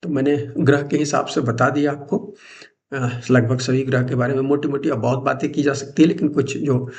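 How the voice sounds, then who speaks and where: Gravelly-voiced man giving an astrology lecture. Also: mid-range voice, steady tone, moderate pace, a little mellow. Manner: informal, loose teaching talk with restarts.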